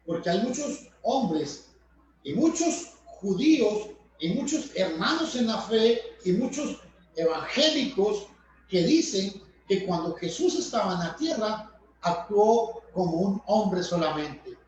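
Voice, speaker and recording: Male preacher, high lively delivery, heavy room echo, faint background hum. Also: slow pace. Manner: emphatic, addresses listeners as brothers and friends. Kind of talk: sermon. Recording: very echoey room, voice from far off.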